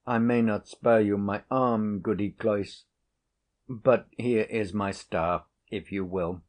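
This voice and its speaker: Man reading as a calm, sly devil. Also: on the low side, slow pace. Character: sinister calm older male traveller, the devil. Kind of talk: audiobook character reading.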